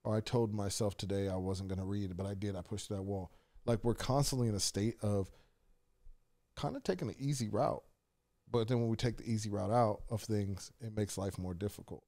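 A man's voice: lowish voice, fairly even intonation, a little fast, mellow. A man hosting a podcast in casual chat, motivational and swearing casually. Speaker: podcast host.

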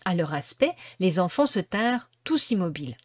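A woman reading a classic storybook aloud with expressive, lively narration. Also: fairly low pitch, normal speed, breathy edge, no echo. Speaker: storybook reader.

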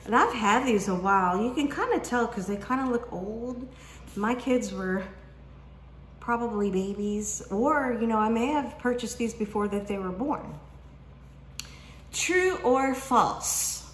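A book vlogger in her 40s chats casually to camera from her home kitchen, teasingly drawing out her questions. Her voice is on the high side, expressive and a little slow, picked up by a camera at desk distance with roomy kitchen echo and slight background noise.

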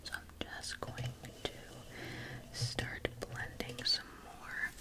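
A woman in her twenties doing a soothing whispered role-play as a face painter, close to the mic, with breathy whispering, tingly mouth sounds and softly repeated words. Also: slow. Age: 20s. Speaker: ASMR artist playing a face painter. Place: indoor room at home. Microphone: close to the mic, face near camera.

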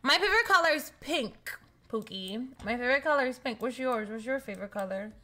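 Bright, excitable young woman streamer. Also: a little high. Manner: excitable, shrieks and drawn-out repeats; chats with viewers, says thanks for follows. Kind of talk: casual live-stream commentary.

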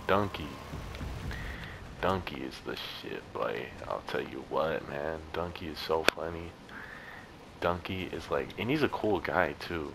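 Brief: young man, very low voice, loose rambling gameplay banter, slight hiss behind. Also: vocal fry. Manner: rambling, joking, yelps and laughs at the game. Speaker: gameplay YouTuber. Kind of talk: casual gameplay commentary.

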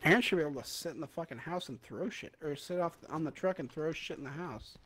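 A young man streaming a VR ghost game with friends, excitable and swearing, laughing often. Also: a little high, fast talker, husky. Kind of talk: casual gaming chat with friends.

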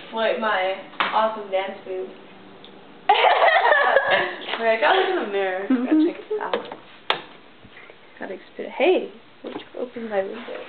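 A woman chatting with a friend in a bedroom, playful and quick to protest. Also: a little high, big pitch swings. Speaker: friend on the vlog. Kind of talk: casual chat with a friend. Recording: lo-fi webcam audio, heavy hiss.

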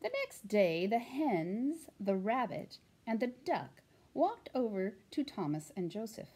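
A woman reading a children's picture book aloud in an expressive, animated way. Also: mid-range voice, a little slow, husky. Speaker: storytime reader.

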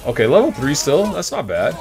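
A man giving casual live commentary on his game, swearing, thinking out loud and yelling in frustration at enemies while he chats with viewers. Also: a little high, huge pitch swings, fairly quick, soft background music. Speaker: video game streamer.

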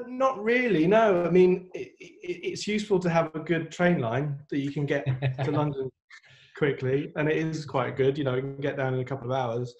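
A man's voice: mid-range voice, highs cut off. Thirties male guest, laid-back video-call chat, home laptop mic. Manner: relaxed, easygoing. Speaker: guest composer. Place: room at home.

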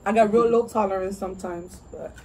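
A woman's voice: mid-range voice, fairly even intonation, brisk, a little mellow, slight background noise. A young woman hosting her channel, chatting in a slangy, laid-back way while eating with friends. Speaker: channel host. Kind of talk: casual mukbang chat.

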